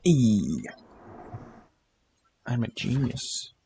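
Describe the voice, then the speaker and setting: A man commentates casually on a game in a slow, fry-laden voice. He grumbles and swears in muttered asides over faint background noise. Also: medium pitch, sing-song, warm tone. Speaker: gaming streamer.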